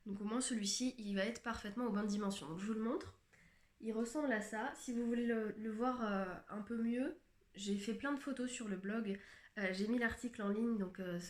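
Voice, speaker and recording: Chatty woman with a hesitant manner. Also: medium pitch. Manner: hesitant, many fillers and restarts; chatty and self-mocking. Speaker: knitting podcaster. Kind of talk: casual chat to camera. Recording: echoey room.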